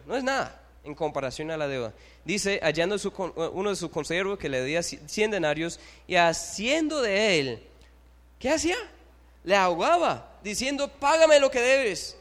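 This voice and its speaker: A man preaching a sermon who asks the congregation rhetorical questions and makes lively asides. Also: a little high, moderate pace, big-room sound.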